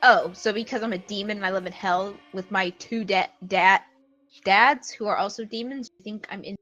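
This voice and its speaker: A woman voicing a brash, crude teenage male demon from a dating game, swaggering and quick to take offense. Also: medium pitch, fairly even intonation, pushed and bright, highs cut off, soft background music. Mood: offended.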